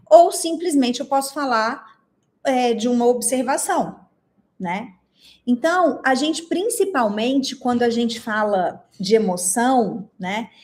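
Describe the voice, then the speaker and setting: A woman with a Brazilian Portuguese accent teaching an online class, expressive and asking her audience lots of questions while reading their chat replies. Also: sits high. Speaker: instructor.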